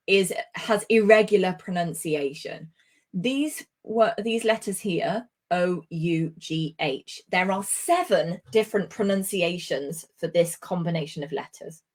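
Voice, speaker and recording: A woman from Britain teaching English pronunciation over a video call, praising and correcting slowly. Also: lowish voice. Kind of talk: online speaking lesson.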